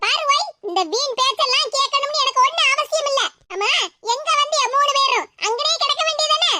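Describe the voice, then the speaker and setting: A performer voicing a feisty, sharp-tongued older wife in a cartoon, with a squeaky, scolding manner and a southern Tamil Nadu accent. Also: a little fast, no room sound, full character voice. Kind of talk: cartoon voice acting. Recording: loud background noise.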